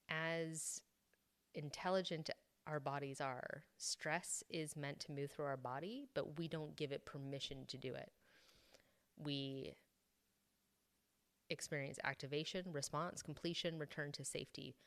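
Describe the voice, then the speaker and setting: Low-voiced woman hosting a podcast. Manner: calm, explanatory, speaks of her own sobriety. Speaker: podcast host. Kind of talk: solo podcast monologue.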